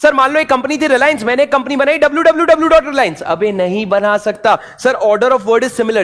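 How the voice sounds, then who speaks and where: A young adult man from India giving an animated exam revision lecture, mixing Hindi and English and playing out student questions himself. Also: high-pitched. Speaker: teacher.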